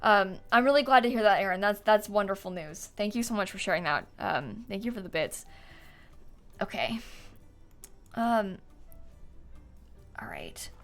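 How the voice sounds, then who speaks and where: A woman's voice: mid-range voice, expressive, measured pace, pauses often, fairly bright tone. A young woman live game streamer chatting casually and informally with her viewers, with a giggly manner. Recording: music playing behind. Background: music, typing.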